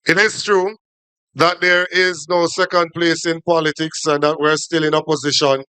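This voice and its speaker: A man with a Jamaican accent giving a formal political speech to supporters as a party official, in short deliberate phrases. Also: fairly high pitch, level tone, sharp tone, clean tone, no room sound.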